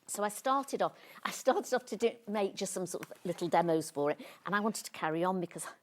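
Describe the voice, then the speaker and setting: Chatty woman demonstrating crafts, mid-pitched. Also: expressive, fairly quick. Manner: chatty, informal, self-narrating. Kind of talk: casual live craft demonstration. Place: TV studio.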